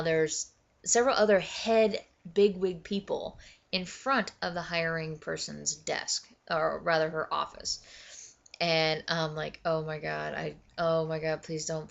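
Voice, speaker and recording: Chatty young woman with a gravelly low voice. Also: a bit bright, highs cut off. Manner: chatty, many fillers and self-corrections. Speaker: vlogger. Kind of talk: casual storytelling to camera.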